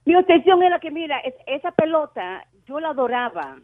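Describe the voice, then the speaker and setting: A woman's voice: high-pitched, very animated, fairly quick, narrow, tinny audio. A woman calling a radio show, telling a personal story casually in a playful, emphatic, slangy way over the phone.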